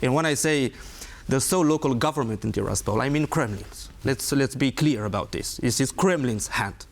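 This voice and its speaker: A man's voice: medium pitch, moderate pace. Emphatic male guest. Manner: emphatic, pointed, rhetorical questions. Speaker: guest, former diplomat. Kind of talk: interview answers.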